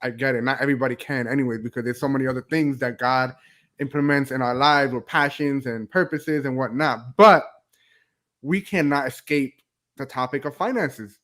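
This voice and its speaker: A man's voice: mid-range voice, moderate pace, a bit bright. A young adult man from New Jersey hosting a casual interview over a video call, rambling and restarting his questions. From New Jersey, USA. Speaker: host.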